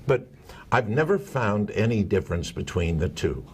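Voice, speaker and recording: An older man, a veteran broadcaster, chats casually as an interview guest, telling stories full of self-deprecating jokes. His voice is on the low side and sing-song at normal speed, with slight background noise.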